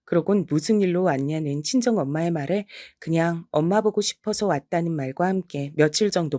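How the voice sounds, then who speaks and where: A middle-aged woman telling her own true-life story in the first person, steady and confiding. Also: fairly low pitch, no room sound, clean studio sound. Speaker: narrator.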